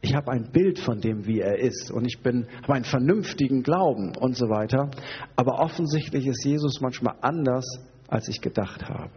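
A man's voice: mid-range voice, animated, normal speed, breathy edge, big-room sound, muffled recording. A man preaching a sermon, conversational and sometimes sarcastically joking, reflective in tone. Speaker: pastor.

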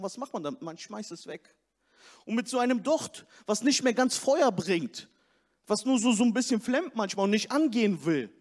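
Male preacher, high voice, sermon, direct address, building emphasis.

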